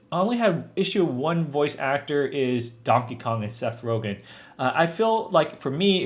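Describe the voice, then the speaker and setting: A young man talks through a movie review in a relaxed, chatty way. He sounds earnest and upbeat, his voice sitting at an ordinary middle pitch. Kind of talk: casual spoken review.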